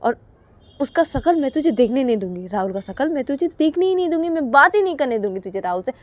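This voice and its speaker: A stubborn, possessive older sister in a spoken storybook, insisting over and over and pressing for answers, as a woman storyteller plays her. Her voice is high. It is recorded close and dry. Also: sing-song, fast, dry recording. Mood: defiant. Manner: insistent, repeatedly demanding "haan?".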